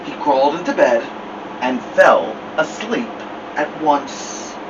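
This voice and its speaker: A man reading a children's picture book aloud as a storytime host, theatrically, with drawn-out words and dramatic pauses. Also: on the high side, lively intonation. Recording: distant mic, dull sound, noisy background hum.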